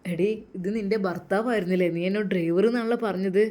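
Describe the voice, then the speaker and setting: A woman's voice: medium pitch, quick pace, warm tone, lightly acted. A woman voicing a nosy female friend who pries and teases, in a told story. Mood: prying. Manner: teasing, prying.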